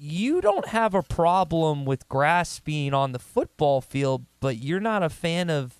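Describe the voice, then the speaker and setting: Male radio co-host, smooth voice, dry close sound, chatty. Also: fairly high pitch, big pitch swings, a little slow, dry recording. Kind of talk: casual sports talk.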